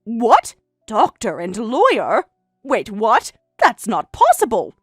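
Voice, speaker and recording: A woman's voice: on the high side, huge pitch swings, takes it slowly, fairly bright tone, husky, no echo, studio quality, faint music behind, full character voice. A woman playing a snobbish, judgmental sister-in-law in a family drama, incredulous and blustering, easily flustered into repeating herself. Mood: flustered shock. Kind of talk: acted dialogue in a narrated family drama.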